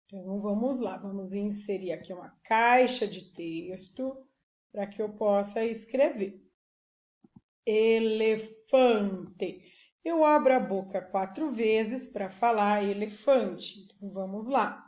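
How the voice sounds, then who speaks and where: A woman teacher giving a recorded literacy lesson, slowly spelling words out syllable by syllable. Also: mid-range voice, a little mellow. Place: remote classroom video recording. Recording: echoey room, dull lo-fi sound.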